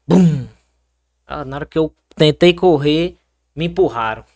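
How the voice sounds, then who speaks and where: Young Brazilian soldier guest, lively storyteller who restarts often. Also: male voice, a little high, moderate pace. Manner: animated storytelling, many fillers and restarts. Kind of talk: casual interview.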